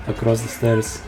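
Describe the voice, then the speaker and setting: Speaking in a lowish voice, a native Croatian speaker from Croatia walks through his speedrun step by step in live gameplay commentary. He's casual and pokes fun at himself while gunfire and game audio sound in the background.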